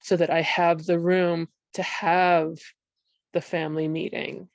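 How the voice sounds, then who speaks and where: A woman's voice: on the low side, flat delivery, a little slow, vocal fry, dry recording, lo-fi sound. A woman, a behavioral health specialist, talks through ideas in a loose, rambling way, full of restarts and "right?" tags, with a congested voice. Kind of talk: conversational panel discussion.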